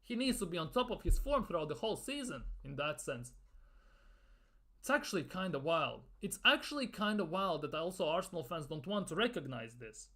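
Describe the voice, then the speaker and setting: A man's voice: fairly high pitch, very animated, fairly quick, pushed and bright. A man ranting in a football fan commentary video, exasperated and sarcastic, with some swearing.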